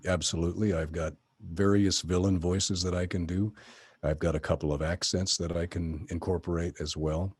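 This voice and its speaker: A man's voice: low voice, steady tone, moderate pace, darkish tone, slightly rough, no echo. A middle-aged man, a voice actor guest, chatting casually in an interview with many fillers and restarts. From Tucson, Arizona area.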